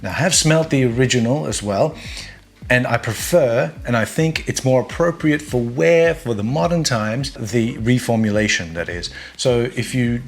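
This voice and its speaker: A man's voice: medium pitch, normal speed, gravelly. A man hosting a casual fragrance review video, chatty and wry, with self-deprecating humor.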